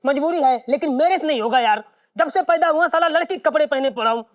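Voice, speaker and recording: An actor in a sitcom playing a young man who is tired of posing as a woman and now works as a night watchman. He talks in a quick, whiny way and threatens to shout. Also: extremely high pitch. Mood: fed up. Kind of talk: sitcom acting.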